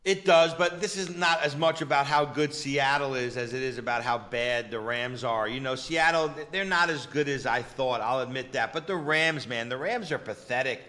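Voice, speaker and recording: Bright-voiced confident man giving betting picks. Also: mid-range voice, moderate pace, hardly any pauses. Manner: confident, peppers talk with "you know" and catchphrases. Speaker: sports betting co-host. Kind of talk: casual betting-picks chat.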